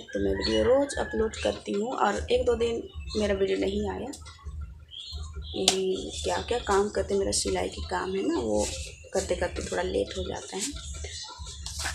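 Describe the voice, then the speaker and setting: A woman's voice: mid-range voice, creaky, noisy background. A young woman chatting to the camera in a homely, direct way from a small village room, filmed close on a phone. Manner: chatty, plain and homely, addresses viewers directly. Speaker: village family vlogger. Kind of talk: casual chat to camera. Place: small indoor village room with painted walls. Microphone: phone held close, selfie framing.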